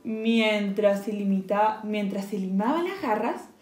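A woman teacher reading a children's story aloud, pausing to ask the children questions in soft whispered asides. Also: medium pitch, lively intonation. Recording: echoey room.

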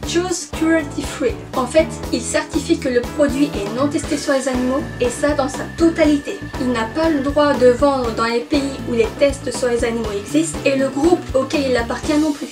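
High-voiced chatty woman vlogger. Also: moderate pace, few pauses, distant mic, music in the background. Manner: chatty, jokey asides, self-mocking English. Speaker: beauty vlogger. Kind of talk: casual explainer vlog.

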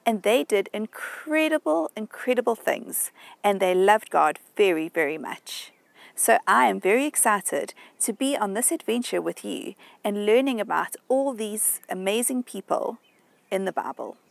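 A woman in her thirties speaks to small children like an overbright kids' party host. Her pitch swings widely, her voice has some gravelly creak, and the sound is dry and close. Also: animated, moderate pace, no room sound. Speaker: children's church presenter. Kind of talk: scripted talk to young children. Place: outdoors at a table in a garden.

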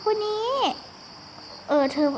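A woman's voice: takes it slowly, noisy background. A young girl giving casual, chatty game commentary, often exclaiming and talking to her viewers. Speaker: gaming video host.

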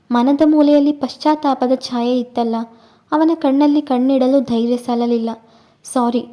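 High-voiced woman narrating a story. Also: warm tone. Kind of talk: scripted audio story narration.

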